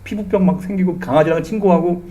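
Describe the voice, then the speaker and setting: A middle-aged man preaching a sermon in church as pastor, animated and humorous, acting out the voices he quotes. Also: high-pitched, quick pace. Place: church sanctuary.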